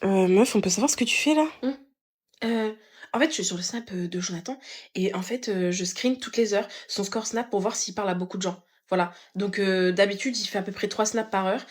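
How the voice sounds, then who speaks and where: A woman acts out short comic scenes in loose street slang. She shifts between cheeky, playful lines and snide little jabs. Her voice sits at a middling pitch. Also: brisk. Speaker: sketch comedian. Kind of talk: comic point-of-view sketches.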